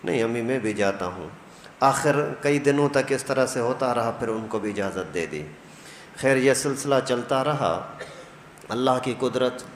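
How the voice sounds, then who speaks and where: A man preaching a storytelling sermon who acts out the dialogue as he goes. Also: medium pitch. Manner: animated, acts out quoted dialogue. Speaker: preacher, mufti. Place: mosque hall. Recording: echoey mosque hall, faint noise.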